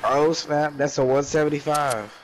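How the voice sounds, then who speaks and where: A man's voice: on the high side, moderate pace. A young man with a stuffed-up nose, in casual gaming banter, joking and ribbing his squad. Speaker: gaming video creator. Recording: noisy gameplay audio.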